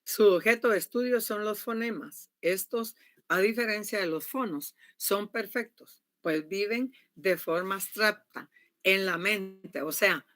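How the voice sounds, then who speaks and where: A woman's voice: mid-range voice, measured pace, a bit bright, no room sound. A woman giving a university lecture, speaking emphatically and often stopping to check that her students are following. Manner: emphatic, keeps asking "¿verdad?" to check understanding. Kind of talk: classroom lecture.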